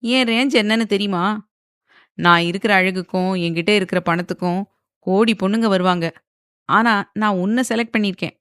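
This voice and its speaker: A woman's voice: medium pitch, a little fast, fairly bright tone, clear, resonant tone, no echo, studio quality, lightly acted. Woman doing a cocky, taunting male film star. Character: arrogant male film star, mocking and forceful.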